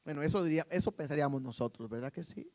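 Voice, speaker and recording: A middle-aged Mexican man preaching a sermon, animated and acting out the dialogue of the Bible characters. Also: a little high, racing.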